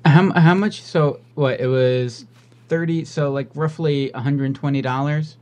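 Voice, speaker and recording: A man's voice: fairly high pitch, fairly even intonation, measured pace, a little mellow, no echo. A man co-hosting a casual comedic chat with dry, sarcastic joking. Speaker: co-host.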